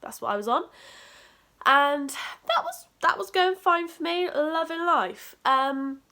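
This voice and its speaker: Bright, congested young woman vlogging. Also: on the high side. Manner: chatty, upbeat, jokey asides. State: congested, nasal from hay fever. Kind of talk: casual storytime chat to camera. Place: bedroom at home, indoors. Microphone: camera facing her.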